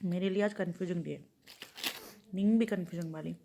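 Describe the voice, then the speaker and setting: A woman's voice: lowish voice, fairly quick, creaky, mellow, slight background noise. A woman vlogging casually at home, thinking aloud and rambling to her viewers. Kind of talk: casual chatty home vlog.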